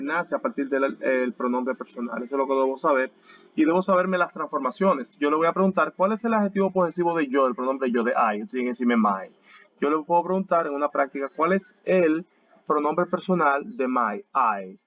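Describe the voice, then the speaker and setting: A man teaching a basic English class, explaining step by step and repeating words slowly for his students. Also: a little high, a bit bright, lo-fi sound. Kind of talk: online class lecture.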